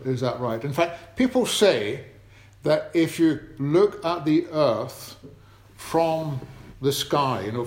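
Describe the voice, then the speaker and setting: A man's voice: a little high, darkish tone, reverberant. A man leading a children's talk at a church service, chatty, asking the congregation questions. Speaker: preacher. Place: church hall.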